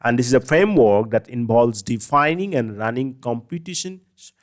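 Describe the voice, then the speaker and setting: A man's voice: medium pitch, expressive, moderate pace. A man giving a recorded lecture, explaining step by step and often checking in with the class. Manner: explanatory, checks in with "okay" and "clear?".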